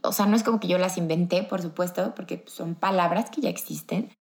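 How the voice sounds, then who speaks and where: A woman's voice: on the low side, a little fast, creaky, darkish tone. A woman with a Mexican accent hosting a motivational podcast, chatty and upbeat, talking straight to the listener. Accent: Mexican Spanish. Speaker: podcast host.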